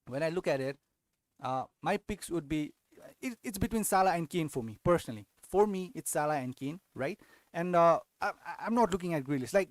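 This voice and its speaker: This fantasy football channel host, a young man from Nepal, speaks in a higher-pitched voice with no echo. His casual live-stream Q&A is full of restarted sentences and tag questions.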